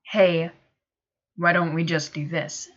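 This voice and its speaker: A woman's voice: fairly low pitch, little pitch movement, takes it slowly, highs cut off. A woman voicing a pushy, impatient woman coworker who talks brusquely.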